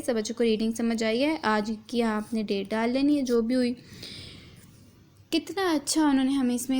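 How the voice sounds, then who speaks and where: A woman teaching a children's class, reading a text slowly and then explaining it again in simple, repeated words, with English words mixed in. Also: on the high side, a little mellow. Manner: reads a passage, then re-explains it simply with repetition; slow, deliberate pace for children. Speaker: school teacher.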